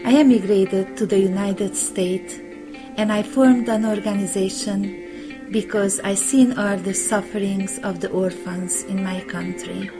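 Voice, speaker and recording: A woman from Romania speaks with a Romanian accent in a recorded charity appeal. She talks very slowly and earnestly at a middling pitch. Plucked guitar music plays clearly behind her. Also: steady tone, low-quality recording. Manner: slow, plain, earnest, non-native grammar. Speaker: charity founder.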